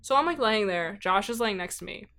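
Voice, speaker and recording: A woman's voice: mid-range voice, expressive, a little fast, bright, forceful tone. A young woman chatting casually as a podcast guest, telling stories and filling her sentences with "like.". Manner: chatty, heavy use of "like" fillers. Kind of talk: casual chat, storytelling.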